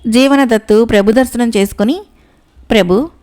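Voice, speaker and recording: Woman, storyteller, folk tale audiobook narration, steady delivery, higher pitch. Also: moderate pace.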